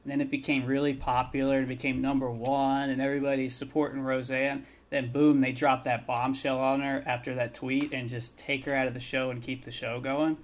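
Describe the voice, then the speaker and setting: A man's voice: mid-range voice, flat delivery, brisk, hardly any pauses. A man co-hosting a podcast, telling a story in a rambling, hesitant way with stammered restarts. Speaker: podcast co-host. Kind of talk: casual podcast banter.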